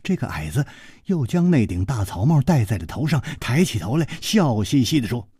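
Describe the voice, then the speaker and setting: A man narrates a martial arts tale in traditional radio storytelling style. His slightly husky voice rises and falls with great animation. The sound is dry and close-miked. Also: normal speed, no echo. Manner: highly animated, vivid delivery.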